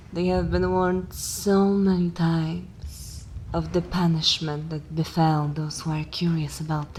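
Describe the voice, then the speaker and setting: A woman with a fairly low voice plays an ancient, haughty vampire mistress in a dark fantasy ASMR roleplay. She is scornful, languid, and theatrically disdainful, slipping into whispers, with slight background noise behind her.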